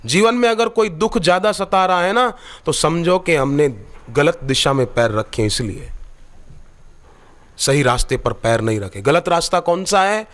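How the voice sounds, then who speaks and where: A man's voice: fairly high pitch, unhurried. A man preaching a devotional sermon, telling stories with animation and putting questions to his listeners. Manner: animated storytelling, questioning the audience.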